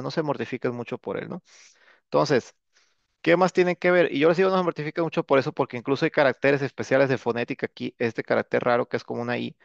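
With a mid-range voice and vocal fry, a man leads a casual English grammar lesson, peppering it with "este" and a question-tag "¿no?". It's a dull, lo-fi, dry recording with no room sound.

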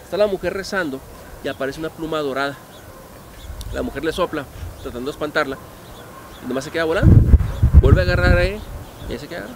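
Guide, middle-aged man, slightly high voice, animated storyteller, outdoor noise. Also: fast talker, pauses often. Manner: animated, gesturing, asks the audience questions. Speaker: museum guide. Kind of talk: storytelling tour explanation. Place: outdoor park museum among statues.

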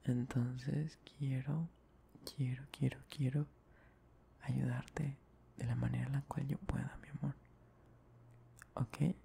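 A man plays an affectionate young boyfriend in a slow, whispered role-play meant to soothe his partner to sleep. His breathy murmur is dark and full of fry, staying very even. Some noise sits behind the close whisper. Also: medium pitch. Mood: caring, reassuring. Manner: slow, tender, repetitive murmuring. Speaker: ASMR performer.

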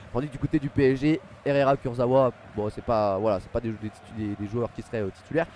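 A medium-pitched, darkish male voice with a little hiss or hum belongs to a young French streamer at his desk in a small home room. Wearing a headset mic, he casually covers the build-up to a football match and reads the chat, with many fillers and thanks to viewers by name.

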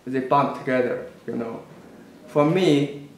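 Slow, halting man with echo. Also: mid-range voice. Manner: halting, many fillers and restarts, indignant. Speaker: student. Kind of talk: personal account to camera. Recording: echoey room, faint background noise.

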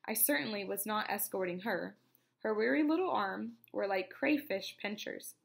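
A woman reading a novel aloud in a steady, unhurried storytelling manner. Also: mid-range voice, vocal fry. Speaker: reader.

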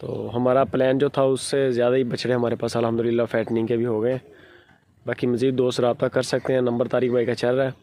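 A man's voice: mid-range voice, flat delivery, fast, dark tone. A man in his thirties with a Pakistani Urdu accent, casually narrating on site at an outdoor cattle farm, recorded on a handheld phone camera. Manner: chatty, narrating while walking around livestock.

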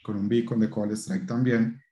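Male presenter, warm dark tone, halting technical talk, roomy sound. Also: fairly low pitch, flat delivery. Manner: hesitant, frequent fillers and restarts.

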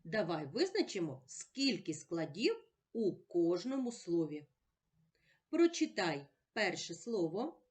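A woman teaching a special-education lesson at a very slow, deliberate pace. She sounds out each word patiently, and her pitch lifts and falls a lot as she coaxes the class along. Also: big pitch swings, darkish tone. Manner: patient, drawn-out, sounds words out one by one.

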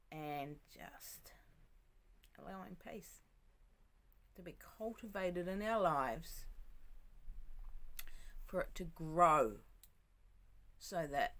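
A woman giving a casual devotional talk, gentle and reflective, often sinking to a soft near-whisper. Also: on the low side. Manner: many fillers and restarts, reflective.

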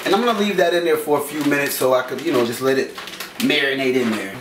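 Cooking in his cramped home kitchen, a thirties-aged man runs a casual demo full of banter, jokes and offhand swearing. He talks quickly in a mid-range voice, captured from across the room by a camera mic that leaves the sound distant, noisy and full of echo.

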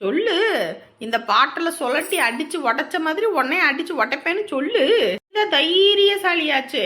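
A woman playing a friend who scolds and mocks a boastful groom, in a sharp teasing way. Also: high voice, lively intonation, normal speed. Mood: mocking. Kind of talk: web drama acting.

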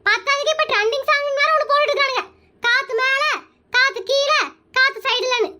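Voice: extremely high pitch, fairly even intonation, a little fast, pushed and bright, full character voice. A performer voicing a bossy, meddling middle-aged aunt in a comedy cartoon, scolding and nagging everyone around her.

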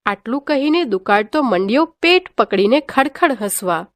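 A woman reads a children's storybook aloud in a lively, sing-song manner. Her voice sits fairly high. The recording is close and dry, with almost no room sound. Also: normal speed, no echo. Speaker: teacher reading a textbook story. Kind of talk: expressive storybook reading for children.

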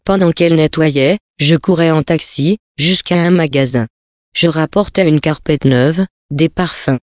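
Measured reader narrating a novel. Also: medium pitch, darkish tone, no echo, studio quality. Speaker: reader of a story.

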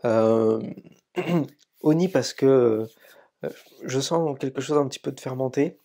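A man's voice: medium pitch, slow, mellow. A man in his thirties, a coffee YouTuber, chatting casually as he tastes and describes coffees in a small home studio, with many fillers and hesitations. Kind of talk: casual coffee tasting vlog.

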